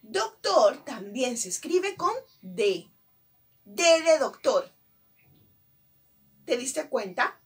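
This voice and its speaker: A woman teaching a virtual class to young children, coaxing and animated as she talks straight to the child. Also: sits high, extremely slow, pauses often, slightly rough. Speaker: preschool teacher.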